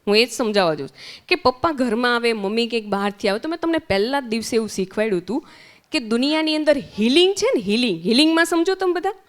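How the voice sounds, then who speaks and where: Clear-voiced woman teaching children. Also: a little high, animated, fast talker. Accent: Gujarati. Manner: asks children questions and repeats their answers. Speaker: spiritual teacher at children's summer camp. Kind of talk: interactive lesson with children. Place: centre hall.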